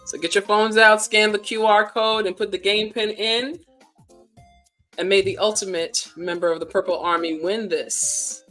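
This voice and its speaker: Brief: woman co-host, mid-pitched, encouraging and hype-building, prone to repeats, faint music underneath. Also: steady tone, moderate pace, fairly bright tone. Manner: hyping, encouraging, repeats herself. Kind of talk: casual livestream chat.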